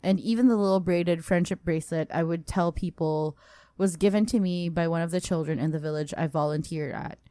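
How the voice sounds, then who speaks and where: A woman with a slightly low voice, recorded dry and close, reads a listener's story on a podcast. She is casual and giggly, laughing as she goes and tripping over a word now and then. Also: brisk, dark tone, dry recording. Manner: giggly, breaks into laughter while reading; casual, stumbles over words and asides. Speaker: podcast host. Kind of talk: reading a listener's story aloud.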